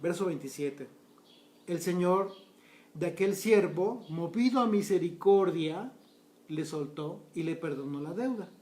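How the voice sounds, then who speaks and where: A man with a high-pitched voice leads a Bible study, reading passages aloud and stopping to speak straight to his listeners. The sound carries a noticeable room echo. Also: animated, measured pace, a little mellow. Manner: reads scripture aloud and breaks off to explain, addressing listeners directly. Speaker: Bible teacher. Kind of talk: verse-by-verse Bible study teaching.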